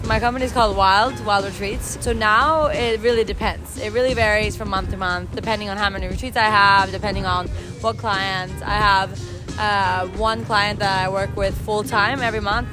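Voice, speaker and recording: A relaxed woman from Norway chats through her answers in a street interview at a middle pitch. Clear music plays behind her voice. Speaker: videographer and content creator.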